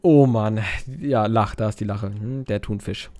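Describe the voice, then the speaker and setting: A young let's player with a low, dark voice talks at a measured pace on a recording with no echo. His casual game commentary is crude and full of jokes and swearing, and he reads viewer messages aloud in silly voices.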